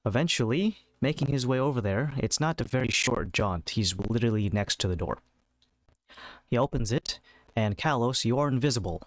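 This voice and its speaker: A man narrating a tabletop game as game master, in a measured, descriptive way. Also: medium pitch, expressive, dry recording.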